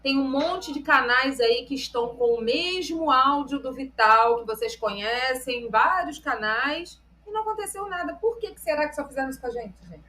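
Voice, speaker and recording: A woman with a Brazilian Portuguese accent co-hosting a live chat, retelling events in a lively, dramatic way. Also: sits high, normal speed, few pauses, slight background noise. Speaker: co-host.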